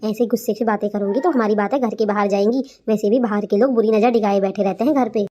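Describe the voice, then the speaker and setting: A gentle, wise older mother-in-law in a cartoon story, voiced by a woman. She talks quickly but soothingly, in a soft, mellow voice with a coaxing manner. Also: medium pitch, fairly even intonation, close to an everyday voice. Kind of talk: cartoon voice acting.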